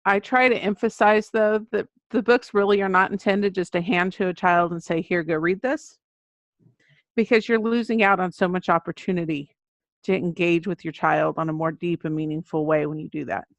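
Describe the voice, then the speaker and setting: Speaking at normal speed with a fairly low, steady voice, an American woman who writes children's books is the guest in a podcast interview. She explains things in an earnest, conversational way, and the dry recording sounds muffled and dull, like lo-fi audio.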